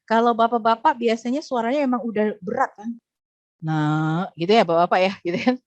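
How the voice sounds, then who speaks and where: A woman from Indonesia giving a parenting talk as a coach, speaking gently and often tagging her sentences with little checking questions. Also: a little high, brisk, dull audio. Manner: gentle, frequent "gitu ya" tag questions.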